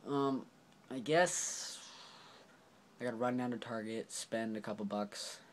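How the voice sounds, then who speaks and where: A man's voice: mid-range voice, unhurried, a little hiss or hum. A man casually reviewing action figures on camera, rambling with lots of fillers and apologies. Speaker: toy reviewer. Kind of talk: casual toy review vlog.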